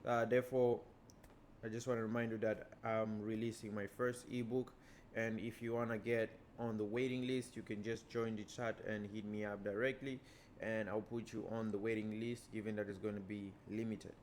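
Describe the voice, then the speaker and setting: A trading educator whose first language is Portuguese walks viewers through price charts in a loose, casual lesson, speaking at a normal speed in a fairly low voice. He stays relaxed and keeps returning to stock phrases like "obviously" and "let us dive straight to the charts." A faint hum of ambient noise sits beneath him.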